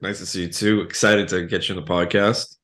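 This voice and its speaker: A man's voice: sits low, fairly quick. A man hosting a podcast, chatting casually and friendly with his guest. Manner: relaxed, friendly, reads scripted intro and ad. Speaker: podcast host. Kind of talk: casual interview chat.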